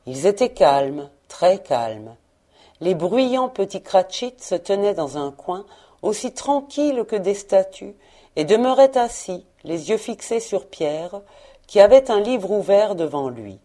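A woman narrating a classic storybook as an audiobook, in a calm and measured way. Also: mid-range voice. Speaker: audiobook reader.

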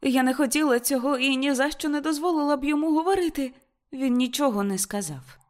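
A tremulous young woman in love pours out her feelings in a raised, pleading voice, as a woman reads her part in an audiobook. Her speech comes high, excited and shaky. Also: fast talker, natural voice.

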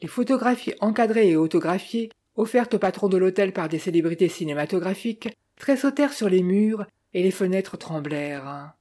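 A narrator reading a detective novel aloud in a measured, even manner. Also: mid-range voice. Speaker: audiobook narrator. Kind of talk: literary audiobook narration.

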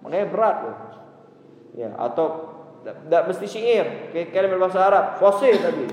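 A man gives a relaxed, humorous lecture as a religious teacher, swinging his voice up sharply when he asks a question. His voice sits a little on the high side. The recording rings with heavy echo and a long hall reverb. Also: normal speed, a little hiss or hum. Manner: lively, joking, rising sharply on questions. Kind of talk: casual classroom lecture on Arabic rhetoric. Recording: very echoey hall.

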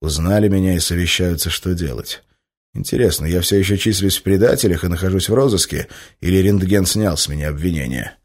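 A man voicing a resourceful male hero who shouts urgent orders to stir up a panic. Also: sits low, brisk. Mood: muttering to himself.

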